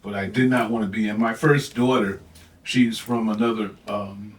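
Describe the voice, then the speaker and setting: An older man, a podcast co-host, telling family stories in a relaxed, reflective way, with lots of "you know"s. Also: on the low side, normal speed. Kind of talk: casual chat. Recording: echoey room, mic at a distance.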